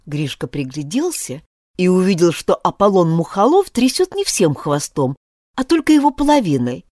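A woman reading a children's story aloud in an expressive, animated way. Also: fairly low pitch, moderate pace, no echo, clean studio sound.

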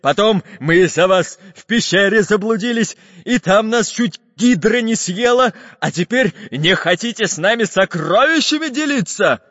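A man voicing a fat, gruff male pirate captain who barks his orders slowly. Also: high-pitched, animated, fairly bright tone, voice pushed up, heavily acted. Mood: angry. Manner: barking, drawn-out. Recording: dull lo-fi with long reverb.

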